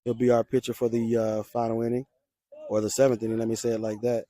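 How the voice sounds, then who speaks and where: A young man calling play-by-play for his school's junior varsity baseball team, rooting for his side and jumping up in pitch on big plays. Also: quick pace. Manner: excitable, rises sharply on big plays. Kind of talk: homer play-by-play commentary. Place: ballpark.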